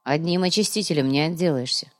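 A woman voicing a gruff male mercenary who grumbles in a low, quiet voice for an audiobook. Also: fast, natural voice.

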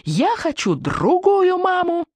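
A woman reading an audiobook and voicing a wilful, tantrum-prone little boy with shrill, wailing shouts. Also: wildly swooping pitch, slow, no room sound, exaggerated voice. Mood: furious.

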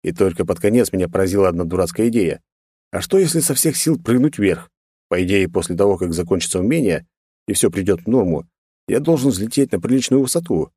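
A man narrates a first-person fantasy story in a calm, measured delivery. His voice sits very low and steady. The close recording is completely dry. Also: husky, dry recording. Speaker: audiobook narrator.

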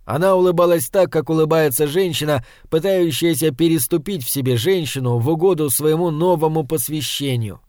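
A man narrating a literary audiobook in a steady, even storytelling manner. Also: a little high, a little fast, hardly any pauses, dry recording, clean studio sound.

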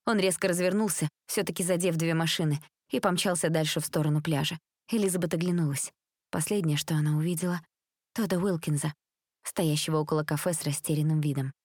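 A woman narrating a story aloud in a steady storytelling manner. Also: sits low, fast, dry recording, studio quality. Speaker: reader.

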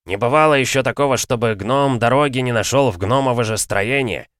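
A man voicing a boastful, loud male dwarf with a blustering, folksy manner. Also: mid-range voice, lively intonation, moderate pace, no room sound, studio quality, voice pushed up, close to an everyday voice.

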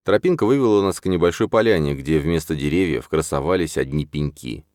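A man with a deep, low voice narrates a first-person story as an audiobook. His reading is steady and measured. The sound is dry and close, with no room around it. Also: no echo.

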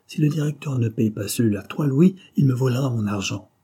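A man's voice: medium pitch, brisk, mellow, husky. A man voicing a playful young writer. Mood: matter-of-fact. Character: young male writer, amused and tender.

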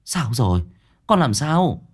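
A man's voice: mid-range voice, big pitch swings, slow, slightly rough, pitched above the performer's own voice, full character voice. A man voicing a worried old grandmother, who asks anxious, pressing questions.

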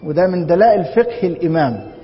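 A fast-talking man with lively intonation and an Egyptian Arabic accent lectures on Islamic law from a religious text in a large mosque lecture hall. He keeps asking rhetorical questions and answering them himself, and the recording is dull and reverberant with a faint rumble.

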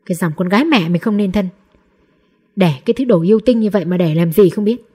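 A woman's voice: mid-range voice, quick pace, warm tone, husky, close to an everyday voice. A woman voicing a harsh, cursing stepmother. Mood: scolding. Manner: scolding, abusive. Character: harsh, cruel stepmother, quick to curse.

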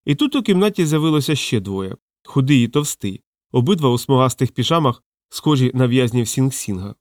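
A man reading an audiobook aloud in a wry, lively storytelling manner, close to the mic. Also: mid-range voice, brisk, dry recording. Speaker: audiobook narrator.

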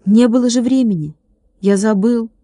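A woman's voice: a little high, moderate pace, warm tone, dry recording, clean studio sound, voice pushed up, close to an everyday voice. A woman voicing an earnest young schoolboy in an audiobook, speaking in a pleading way.

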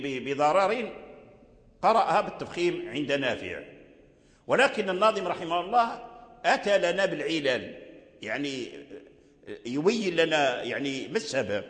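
A man's voice: a little high, fairly bright tone, in a large hall. A man teaching the rules of Quran recitation, patiently repeating each point several times. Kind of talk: religious lesson explaining recitation rules.

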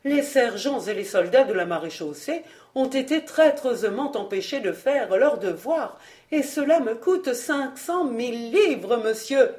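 A woman voices a fretful, petty and greedy middle-aged male royal steward who grumbles plaintively in a self-pitying tone. Her voice is fairly high, expressive, unhurried and darkish in tone.

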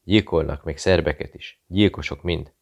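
A man's voice: low voice, vocal fry. A man reading a nervous, secretive Serbian barkeeper who speaks in clipped, broken phrases. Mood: fearful.

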